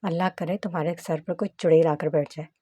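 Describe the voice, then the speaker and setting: A woman voicing a feisty young wife who bickers with a sharp tongue. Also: low voice, fairly even intonation, fairly quick, slightly rough, dry recording. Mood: bickering. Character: feisty young wife, quick-tempered secret agent.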